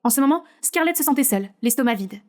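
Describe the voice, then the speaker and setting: Woman narrating an animated story, high voice, rattles along fast. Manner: brisk, chatty asides to the listener.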